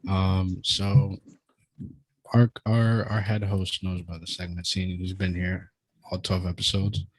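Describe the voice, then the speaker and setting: A man's voice: sits low, little pitch movement, measured pace, breathy edge, no echo, low-quality recording. A man co-hosting a podcast, presenting a segment in a loose, casual way with many fillers. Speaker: podcast co-host.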